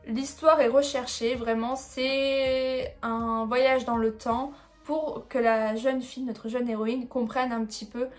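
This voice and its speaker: Woman going on about her manga, kinda high voice, chatty, lots of fillers, soft music in the back. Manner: chatty, rambling, fillers like bref and voilà. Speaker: manga reviewer. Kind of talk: casual chat about a manga haul.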